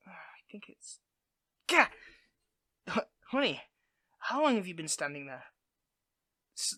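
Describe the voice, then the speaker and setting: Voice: mid-range voice, pushed and bright, no room sound. Performer as a flustered dorky villain, dry and close. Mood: embarrassed. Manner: stammering, sheepish, eager to impress. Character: dorky, flustered, affectionate villain at home with partner. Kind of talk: scripted audio role-play, one-sided conversation.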